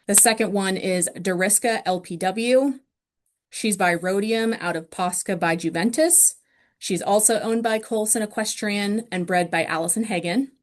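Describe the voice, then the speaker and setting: Speaking at a moderate pace in a mid-range voice, a woman announces winners and their breeding lines in a steady run at an online awards ceremony held over a video call, with plenty of ums along the way.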